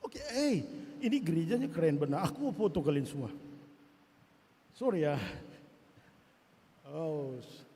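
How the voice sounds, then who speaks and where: A man preaching a sermon in a large church, animated and playful, slipping into song snippets and mock voices. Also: a little high, unhurried, long pauses, a little hiss or hum. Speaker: pastor. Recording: echoey church hall.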